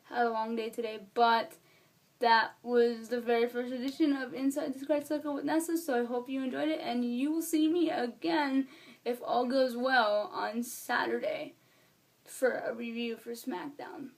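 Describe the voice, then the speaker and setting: A woman with a high voice reviews a wrestling show in a loose, rambling vlog. She is chatty and fills her talk with fillers. She often wanders off her point and says sorry for it. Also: fairly even intonation, normal speed. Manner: rambling, apologizes for being all over the place.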